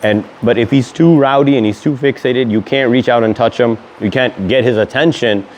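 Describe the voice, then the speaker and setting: A man's voice: medium pitch, moderate pace, a little mellow, a little hiss or hum, poor audio. A man with a lisp from missing front teeth, giving casual, informal instruction as a dog trainer. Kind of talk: casual instructional talk to clients.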